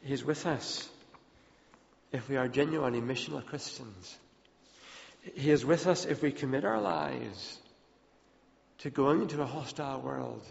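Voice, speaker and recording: A man's voice: mid-range voice, gravelly. A man preaching an earnest sermon, repeating words as he presses his points, recorded in a church hall. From Ethiopia. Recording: dull, long hall reverb.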